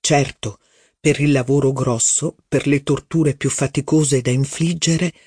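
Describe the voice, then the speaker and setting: A man narrating a literary novel as an audiobook, measured and even. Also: mid-range voice, slightly rough, no echo, studio quality.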